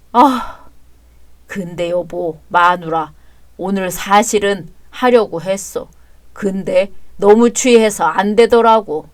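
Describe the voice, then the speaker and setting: A woman's voice: mid-range voice, slow, no room sound, lightly acted. A woman doing a crude drunk husband, drawling. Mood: drunk taunting. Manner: slurring, taunting, drawled. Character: crude drunken boastful husband, adult man. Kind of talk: dramatized story reading.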